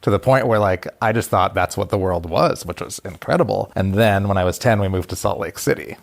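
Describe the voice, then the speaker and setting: A man from the United States hosting a podcast interview, attentive and quick with "mm-hmm" and "right". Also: low voice, gravelly. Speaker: podcast host. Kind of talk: casual interview conversation.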